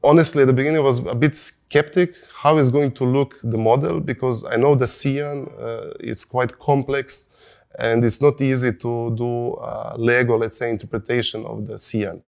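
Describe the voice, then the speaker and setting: A man's voice: mid-range voice, steady tone, creaky, a little mellow. A man from Croatia speaking English, a car designer in an interview clip who halts and searches for words. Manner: halting, searching for words, repeats himself.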